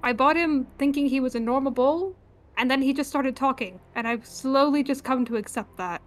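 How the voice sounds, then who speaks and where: A nervous, polite adventurer cook stumbling over words, as a woman plays the part. The voice sits high and sounds hesitant and flustered. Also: normal speed, slight background noise, natural voice.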